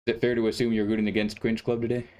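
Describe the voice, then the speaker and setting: A man's voice: lowish voice, little pitch movement, rapid-fire, dark tone. A man hosting an esports stream, chatting casually and wryly while sorting out audio problems. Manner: easygoing, wry. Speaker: esports tournament caster. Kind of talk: casual pre-show chat while fixing stream audio. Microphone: desk mic at a streaming setup.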